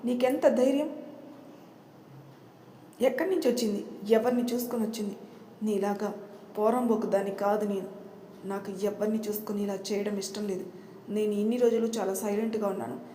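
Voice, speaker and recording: A woman's voice: mid-range voice, level tone, brisk, dark tone, echoey room, slight background noise, lightly acted. A woman voicing a furious jealous woman. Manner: furious, raised voice.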